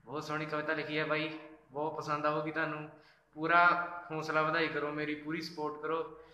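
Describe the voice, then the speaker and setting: A man's voice: a little high, monotone, fairly quick, pushed and bright, reverberant, poor audio. A man, chatting casually on a live stream, reading out fan messages and thanking his fans by name. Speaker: social media singer doing a live fan chat.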